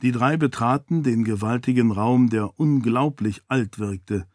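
Man, audiobook narrator, calm measured reading, mid-pitched voice, dry close sound. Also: no room sound. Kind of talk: scripted narration.

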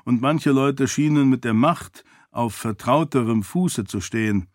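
A calm, sceptical male friend explains in a level voice, as a man puts him on. His pitch sits mid-range. The audiobook recording is dry and close. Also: measured pace, no echo, close to an everyday voice. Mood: explaining.

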